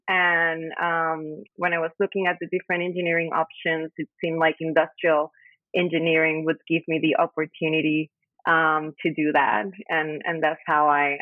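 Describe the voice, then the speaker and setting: A woman's voice: fairly low pitch, dry recording. A Spanish-speaking woman from Puerto Rico with a Puerto Rican accent, answering interview questions casually with many ums as she searches for words. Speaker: guest engineer. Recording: tinny phone line.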